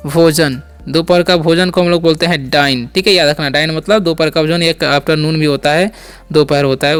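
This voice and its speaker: High, clear-voiced male language teacher. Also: fairly bright tone. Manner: repeats each word and quizzes the listener. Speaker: English teacher. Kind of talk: spoken language lesson.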